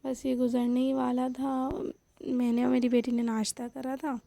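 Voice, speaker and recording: A woman's voice: high voice, little pitch movement, mellow, no room sound. A young adult woman, a housewife vlogger, chatting casually and directly to her viewers about her home day. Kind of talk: casual home vlog chat.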